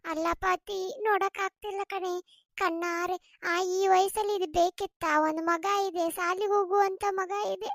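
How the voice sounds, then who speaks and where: Woman doing a fiery cartoon village wife, North Karnataka accent, very high voice, ranting, dry sound. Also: steady tone, moderate pace, no room sound. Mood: furious ranting. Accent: North Karnataka Kannada. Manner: ranting, scolding. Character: furious betrayed village wife, fiery and loud.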